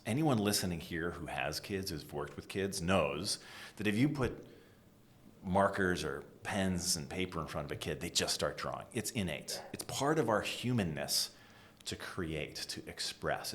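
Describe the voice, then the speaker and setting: Deep-voiced American man telling stories. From New England, US. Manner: animated storyteller, drops to whispers for emphasis. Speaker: guest, design executive. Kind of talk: conversational interview.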